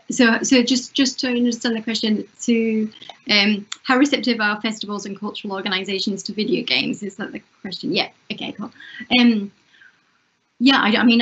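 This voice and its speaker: Gravelly woman on a muffled video call. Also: mid-range voice. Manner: hesitant, many fillers and restarts. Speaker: festival digital director. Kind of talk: video call interview answers. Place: home room, indoors. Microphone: wired earphone mic on video call.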